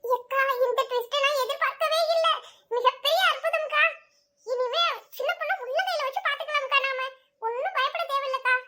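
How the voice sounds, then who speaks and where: Brief: gushing cartoon girlfriend, shrill and quick, voiced by a woman. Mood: excited. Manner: excited, gushing. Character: excitable devout female friend, chatty.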